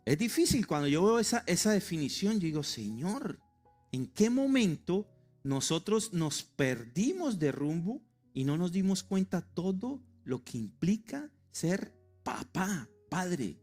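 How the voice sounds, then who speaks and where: A man's voice: sits high, big pitch swings, measured pace, a little mellow, soft background music. A middle-aged man preaching a sermon to his congregation, emphatic and joking, spelling out words for them. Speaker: pastor. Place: church sanctuary.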